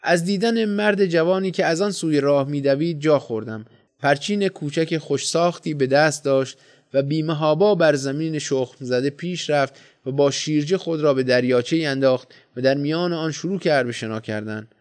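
A man reading a literary story aloud in a measured, steady manner. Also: on the high side. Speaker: audiobook narrator. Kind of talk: scripted story narration.

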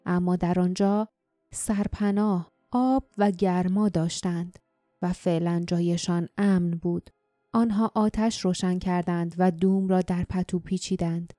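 A woman reads an audiobook in a steady, measured way. Her voice is dark and mellow, and the recording is dry and close with no room sound. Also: on the low side, no echo. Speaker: audiobook narrator. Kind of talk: scripted audiobook narration.

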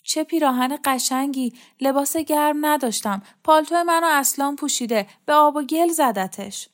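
A woman reading a story aloud, voicing a small sick girl with a soft, pleading manner. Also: sits high, pitched above the performer's own voice, lightly acted. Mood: plaintive.

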